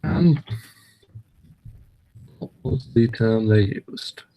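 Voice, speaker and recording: A man's voice: fairly low pitch, very slow, highs cut off. A man hosting a casual podcast, rambling and hesitant with frequent ums and restarts. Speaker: podcast host. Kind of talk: casual chat.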